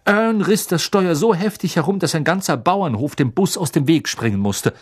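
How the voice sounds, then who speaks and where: An audiobook narrator reading a fantasy novel in measured storytelling. The narration is scripted and steady between character voices. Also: mid-range voice, slightly rough. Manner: measured storytelling, lively intonation.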